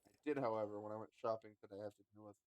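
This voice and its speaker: A man's voice: lowish voice, steady tone, racing, no room sound, highs cut off. Laid-back male gameplay streamer. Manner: laid-back, rambling, swears casually. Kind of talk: casual gameplay chat.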